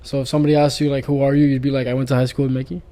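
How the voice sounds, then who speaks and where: A man's voice: medium pitch, flat delivery, very fast, dark tone, a little hiss or hum. A young man in his twenties hosting a casual podcast from a home living room, teasing and joking with his guest. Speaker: podcast host.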